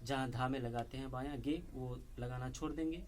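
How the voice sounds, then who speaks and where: A man teaching tabla step by step, explaining slowly and patiently and saying the drum syllables aloud between strokes. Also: medium pitch, faint music behind. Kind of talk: step-by-step music lesson. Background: loud tabla playing.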